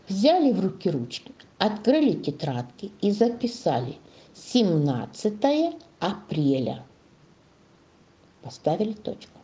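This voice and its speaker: A woman teaching a primary school class, coaxing the children with sing-song questions and drawing out words slowly as she dictates. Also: mid-range voice, warm tone. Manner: slow, drawn-out dictation to young children. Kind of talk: classroom lesson.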